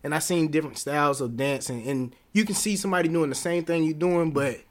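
A man's voice: fairly high pitch, fast talker. Laid-back man rambling with slang. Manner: relaxed, rambling, many fillers and slang. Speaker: dancer, interview guest. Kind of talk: casual conversation.

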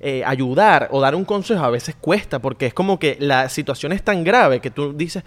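A man's voice: a little high, lively intonation, moderate pace. A man, co-hosting a casual podcast and agreeably offering advice. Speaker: podcast co-host. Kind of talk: casual chat.

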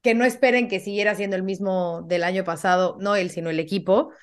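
A woman hosting a podcast in casual chat, explaining things for listeners in a measured way with "eh" and "pues" fillers. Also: medium pitch, fairly even intonation. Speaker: podcast host.

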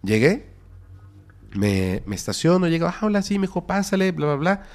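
A man with a Mexican accent, a podcast guest telling a frightening story with dramatic whispers and sudden loud bursts. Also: a little high, very animated, moderate pace.

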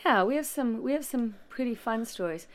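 Smooth-voiced woman telling stories. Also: a little high, expressive, moderate pace. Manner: warm storytelling with frequent restarts and small laughs. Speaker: director at a non-profit support agency. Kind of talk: conversational interview answer.

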